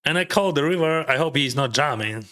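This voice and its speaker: A Ukrainian man whose first language is Russian chats casually on a poker live stream, answering chat and advising viewers with plenty of "like" and "uh." His slightly high voice is expressive, brisk, pushed and bright, carrying a Ukrainian accent.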